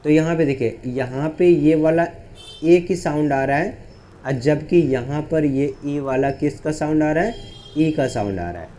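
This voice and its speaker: A man teaches an English phonics lesson, posing questions to the class, answering them himself and slowly spelling out letters. His voice is a little high and warm, with slight hiss or hum in the recording.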